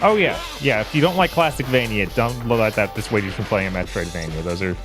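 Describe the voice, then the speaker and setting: A man's voice: on the low side, a little fast, music in the background. A man chatting casually as co-host of a gaming stream.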